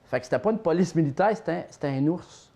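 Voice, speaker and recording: A man from Quebec's Mauricie region with a Québécois accent, telling family legends in a lively, playful way as an interview guest. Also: fairly high pitch, quick pace. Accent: Québécois French. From Saint-Tite, Mauricie, Quebec. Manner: lively, anecdotal, playful storyteller. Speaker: storyteller guest. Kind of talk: casual interview storytelling.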